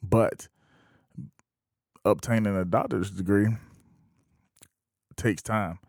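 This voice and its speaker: A man in his thirties talking casually to camera, thinking aloud with frequent pauses. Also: lowish voice, steady tone, a little mellow, dry recording, studio quality. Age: 30s. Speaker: vlogger. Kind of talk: casual opinion monologue.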